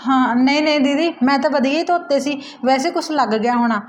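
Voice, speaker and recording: A woman's voice: sits high, a little fast, natural voice. A young woman playing a polite younger sister who defends herself against her elder sister's nagging, in a short film. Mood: defensive. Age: young adult. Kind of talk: Punjabi short film acting. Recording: roomy, noisy.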